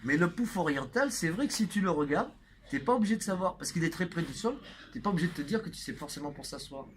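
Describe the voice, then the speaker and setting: A man's voice: a little high, expressive, quick pace, a little hiss or hum. A French man taking part in a café discussion, chatty and insistent, interrupting others. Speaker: participant. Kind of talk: casual group discussion.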